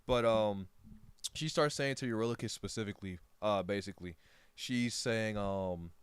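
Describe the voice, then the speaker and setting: A man's voice: lowish voice, normal speed, smooth, dry recording. A young man co-hosting a podcast, recapping a film in casual chat and retelling scenes with fillers. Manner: animated retelling, trailing off with filler words. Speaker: podcast co-host.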